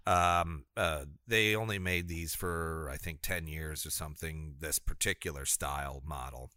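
A man with a deep, scratchy, smoker's rasp, chatting casually as a co-host. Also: unhurried, bright, forceful tone, no room sound, studio quality. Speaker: podcast co-host, maker. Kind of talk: casual chat.

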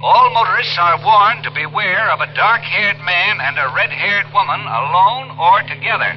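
Figure: a man playing a urgent radio announcer. Pitch: high. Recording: dull old radio. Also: normal speed, a little hiss or hum, close to an everyday voice. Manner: clipped, urgent bulletin delivery. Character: brisk, official male radio announcer.

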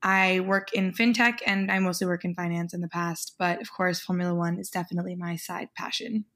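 A woman in her twenties co-hosting a podcast, talking in a measured, unhurried way. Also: fairly low pitch, fairly even intonation, fairly bright tone. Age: 20s. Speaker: podcast co-host. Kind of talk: casual podcast chat.

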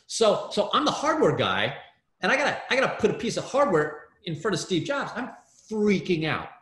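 A man, a guest in an interview, telling a story in an animated way with many fillers and restarts over a video call. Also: high-pitched, brisk. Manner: excitable, lots of fillers and restarts. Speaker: guest, startup hardware builder. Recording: roomy echo.

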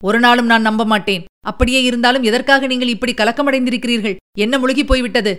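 A woman's voice: fairly high pitch, fairly even intonation, fast talker, a bit bright, natural voice. A woman voicing a proud male emperor in an audiobook, speaking in a stately, formal way. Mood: impatient. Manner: stately, formal, pleading then insistent. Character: proud middle-aged male emperor, commanding. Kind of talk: audiobook character reading.

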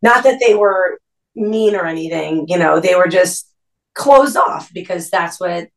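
A woman in her thirties with a New Jersey Italian-American accent, a podcast guest telling a story in an animated way and saying "like" a lot. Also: fairly low pitch, unhurried, recorded from a distance, poor audio. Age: 30s. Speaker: podcast guest, restaurant co-owner. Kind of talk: casual chat.

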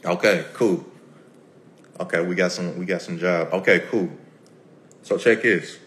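A man's voice: low voice, measured pace, fairly bright tone, reverberant. A man hosting a motivational podcast, talking straight to listeners in an emphatic, repetitive, preachy way and acting out bits of everyday dialogue. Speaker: podcast host. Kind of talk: motivational talk to a live audience.

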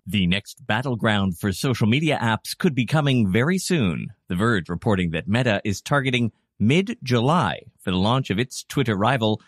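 A man's voice: lowish voice, animated, normal speed, hardly any pauses, no echo. A man hosting a news podcast, delivering scripted reports and casual asides as a presenter.

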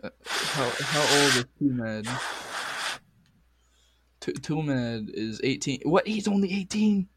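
A man's voice: medium pitch, slow, pauses often, background noise. Man with a strained, sore voice. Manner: crude, excitable banter. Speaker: podcast host. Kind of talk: casual chat.

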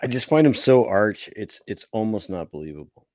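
Deep-voiced man chatting, dry sound. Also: lively intonation, normal speed, darkish tone, no echo. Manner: jokey, chatty, lots of "like" and restarts. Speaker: podcast co-host. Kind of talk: casual chat.

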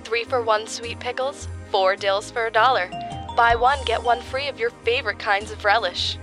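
A woman playing a grocery store announcer who calls out sales in a drawn-out way, heard from a distance. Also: fairly high pitch, music in the background, close to an everyday voice. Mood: cheery.

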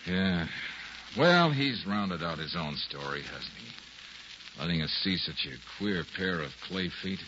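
Deep-voiced American radio detective, gentle, flirtatious. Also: male voice, lively intonation, a little slow. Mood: wry. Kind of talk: 1940s-50s radio drama acting. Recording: noisy, muffled vintage radio recording.

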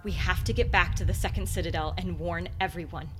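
An actress playing a determined, sharp-tempered young woman who speaks bluntly. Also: on the low side, fairly even intonation, brisk, faint music behind, close to an everyday voice. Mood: tense. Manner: blunt, impatient.

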